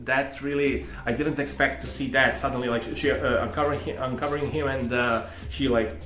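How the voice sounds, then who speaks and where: A man's voice: medium pitch, steady tone, fairly quick, a bit bright. A man, hosting his own channel and telling a personal story in a hesitant, rambling way full of restarts. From Serbia. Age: 30s. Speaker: channel host. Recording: echoey room with faint music.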